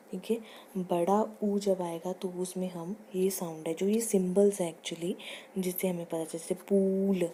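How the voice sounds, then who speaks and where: A woman teacher giving a recorded lecture on pronunciation, reading lines slowly and explaining them in Hindi. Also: lowish voice, mellow, slight background noise. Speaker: teacher educator.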